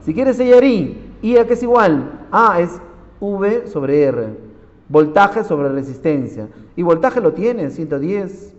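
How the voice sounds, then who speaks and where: A man with a high voice teaches physics, talking his students through problems step by step. He keeps telling them to look and asks them questions as he works. The recording is dull and muffled, with a long, lingering reverb. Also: sing-song, slow pace. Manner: keeps saying "miren", quizzing students. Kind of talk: classroom lecture solving problems.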